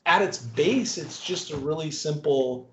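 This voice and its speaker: A man's voice: fairly high pitch, animated, measured pace, fairly bright tone, a little hiss or hum. A man hosting a podcast in casual movie talk, rambling and restarting, often laughing. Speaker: podcast host. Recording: roomy, dull recording.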